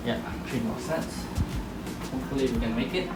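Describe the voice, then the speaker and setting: Casting note: young Malaysian fitness streamer, upbeat and chatty, heard from a distance in a roomy space over loud music. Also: male voice, medium pitch, normal speed. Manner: chatty, upbeat, talks between training sets. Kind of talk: live-stream workout chat.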